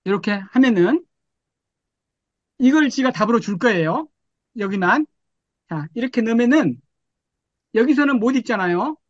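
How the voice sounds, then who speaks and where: A man's voice: extremely high pitch, lively intonation, moderate pace, pauses often, no echo. A man teaching an online class over a video call, chatty, often acting out the prompts he types to an AI. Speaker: professor giving an online lecture. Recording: dull, dry video call audio.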